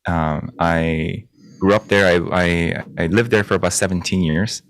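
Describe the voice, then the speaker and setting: Guy in his 30s, really deep voice, casual interview chat, kinda halting. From South Korea. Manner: hesitant, many fillers and restarts, animated when recounting. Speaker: guest guitarist and music producer.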